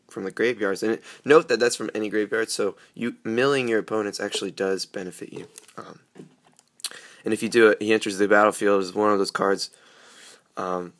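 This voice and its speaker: A young man with a cold, his voice sounding grating, chatting casually and rambling with lots of fillers as he unboxes cards at home on a camera mic. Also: on the low side. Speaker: card game vlogger.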